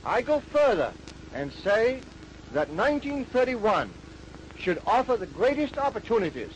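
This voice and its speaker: A man's voice: sits high, big pitch swings, measured pace. A man making an emphatic, declamatory forecast as an economist, heard in an old newsreel recording. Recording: distant old newsreel sound with faint noise.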